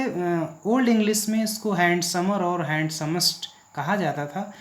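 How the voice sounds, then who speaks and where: A male teacher from India explains grammar and keeps posing questions to the class and answering them himself. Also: a little high. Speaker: English teacher. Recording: echoey room.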